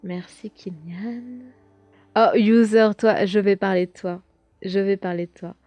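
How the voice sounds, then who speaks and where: Young woman hosting a casual podcast; chatty, full of fillers and restarts, medium pitch, dry recording. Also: fairly even intonation, unhurried, dark tone, no echo, soft background music. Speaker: podcast host. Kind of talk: casual chat reading viewer comments.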